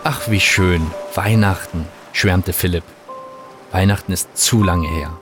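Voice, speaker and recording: A man narrating an audiobook in a calm, wry storytelling manner. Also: low voice, unhurried. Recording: narration over music.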